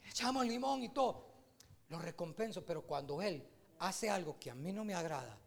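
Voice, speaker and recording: A man preaching a sermon in an animated way, rising to loud, emphatic peaks. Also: high-pitched, normal speed, gravelly.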